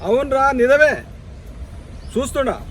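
A man's voice: very high voice, normal speed, slight background noise. A man playing a soothing village friend. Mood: consoling. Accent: Telangana Telugu. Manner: soothing, questioning. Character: older village friend consoling a crying man. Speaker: comedy sketch actor. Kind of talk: village comedy sketch.

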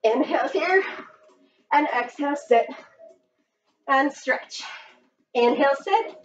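A woman's voice: high-pitched, expressive, takes it slowly. A woman in her thirties working as an aerobics instructor, cueing an exercise class with counts and short commands. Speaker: aerobics instructor leading a barre workout. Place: carpeted indoor playroom at home. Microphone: far camera microphone. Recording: muffled, distant camera microphone.

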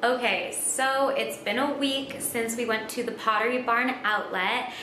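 A woman's voice: a little high, fairly even intonation, measured pace, noisy background. Chatty young woman vlogger, echoey room. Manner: chatty, upbeat, uses "like" often. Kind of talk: casual home vlog storytelling. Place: small room at home, indoors.

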